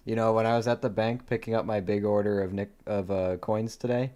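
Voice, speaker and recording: A man hosting a live coin-hunting stream, quietly reading off dates and chatting easily between finds. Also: fairly low pitch, steady tone, normal speed. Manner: easygoing, laughs at his own dad jokes. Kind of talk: casual live-stream commentary.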